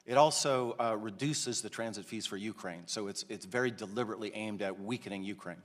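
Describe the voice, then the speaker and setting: A man serving as an ambassador witness, giving formal testimony in a deliberate, emphatic way. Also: lowish voice. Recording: echoey hearing room, off-mic.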